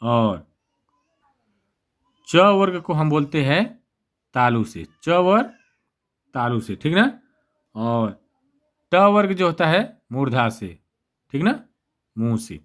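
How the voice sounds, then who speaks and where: Man, exam-prep teacher, fairly high voice, repetitive question-and-answer manner. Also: sing-song, slow pace, pauses often. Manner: repetitive, asks and answers his own questions. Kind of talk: exam-prep grammar lesson.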